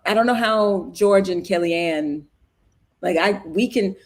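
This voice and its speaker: A woman co-hosting a casual chat podcast, animated and colloquial, often restarting her sentences. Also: medium pitch, slow pace. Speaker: podcast co-host.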